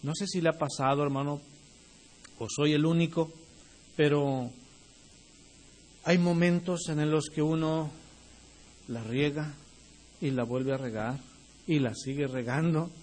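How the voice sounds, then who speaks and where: A man preaching to his congregation in a somewhat husky, higher-pitched voice. He swings between quieter storytelling and climbing, emphatic exclamations. He keeps addressing the people in front of him directly. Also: measured pace, long pauses. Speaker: pastor. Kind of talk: sermon.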